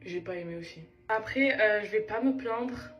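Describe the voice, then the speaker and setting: A woman's voice: mid-range voice, moderate pace, faint music behind, poor audio. A young woman from Monaco, chatting casually in slangy speech while getting ready on her vlog. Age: young adult. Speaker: vlogger. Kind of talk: casual get-ready-with-me chat.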